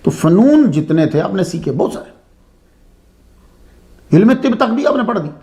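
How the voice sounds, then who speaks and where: With a mellow, sing-song, high-pitched voice, a man delivers a sermon-like lecture about a saint's life. He keeps it conversational, posing questions to his listeners.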